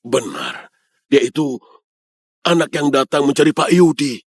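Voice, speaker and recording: A man's voice: a little high, expressive, measured pace, breathy edge, no room sound, studio quality. A man voicing a deferential male assistant in a dubbed drama.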